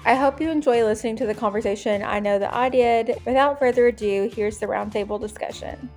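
A woman's voice: fairly high pitch, fairly quick, a little mellow, faint music behind. A woman hosting a podcast, reading a welcoming, upbeat introduction. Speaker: podcast host.

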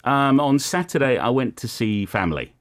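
A man with a deep voice chatting casually on a radio show, with a cheeky, theatrical, emphatic way of talking. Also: very animated, normal speed. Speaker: regular radio show co-presenter. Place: radio studio. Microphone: studio microphone.

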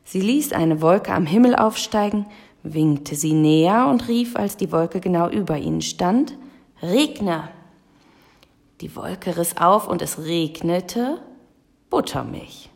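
A woman narrating a children's audiobook in a lively storytelling manner. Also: on the low side, measured pace, creaky.

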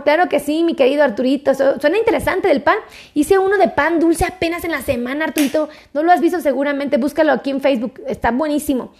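A woman with a high voice hosts a live stream and reads out her viewers' comments. She greets each of them effusively and affectionately, like a doctor chatting with her followers. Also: darkish tone.

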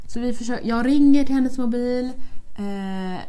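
A woman's voice: a little high, smooth. A young woman casually telling a story, acting out what she and her friends said. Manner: animated, quotes herself and friends with "jag bara".

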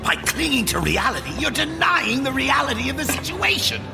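A sneering clown villain from an animated film. The voice sits high and leaps all over the place, gravelly at the bottom, with loud dramatic score underneath. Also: male voice, fairly quick, full character voice. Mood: taunting. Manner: mocking, swings from purring to shouting. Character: manic cackling male villain clown, cruel. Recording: with film music behind.

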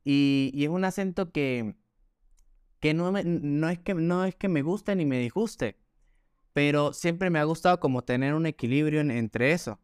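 A man's voice: on the high side, measured pace, smooth, no echo, clean studio sound. A man from Venezuela with an Andean gocho accent, co-hosting a casual podcast chat in an earnest, explanatory way with many restarts. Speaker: podcast co-host.

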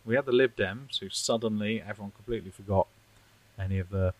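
This man's voice sits on the low side and he speaks fast, co-hosting a podcast about politics in a casual way. He rambles, runs himself down, and chuckles often, all on poor audio.

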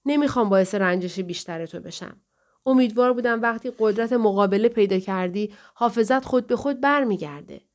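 A woman's voice: fairly high pitch, lightly acted. Woman reading a pleading husband. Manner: earnest, pleading. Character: distressed man pleading with his wife. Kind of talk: audiobook dialogue reading.

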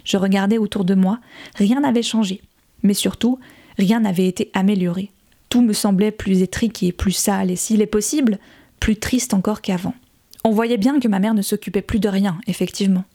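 A woman reads a novel aloud in a measured, soft-spoken manner. Her voice is mellow and warm, pitched in an ordinary middle range. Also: fairly even intonation. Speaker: audiobook reader. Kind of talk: novel narration read aloud.

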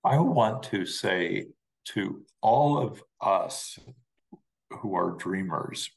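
A middle-aged man, a spiritual counselor and dream worker, co-hosting a reflective podcast chat, speaking in halting, searching phrases. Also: lowish voice, creaky, husky, low-quality recording. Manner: slow, halting, searching for words.

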